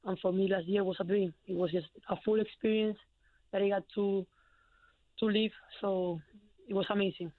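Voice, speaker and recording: A young adult woman from Spain speaks with a Spanish accent in a mid-range, steady voice at normal speed, recorded dry. As a college basketball player on a phone-in radio interview, she answers hesitantly with many fillers over a tinny phone line.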